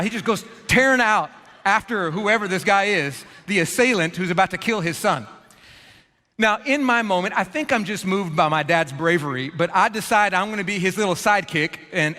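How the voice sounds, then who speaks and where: A man preaching a storytelling sermon, animated and self-deprecating, in a large church auditorium. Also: high voice. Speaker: pastor. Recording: long reverb of a large church hall.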